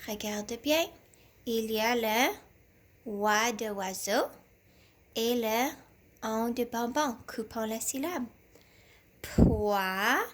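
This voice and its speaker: A woman teacher giving a reading lesson to young children from home, speaking slowly and deliberately and sounding out syllables one by one. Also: on the high side.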